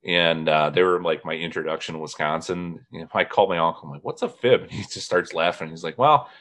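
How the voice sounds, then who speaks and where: A man's voice: rumbling low, flat delivery, quick pace, a bit bright. A man from northern Indiana hosting a casual chat, telling funny stories and quoting people as he goes. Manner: storytelling, quoting others with laughs. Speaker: podcast host.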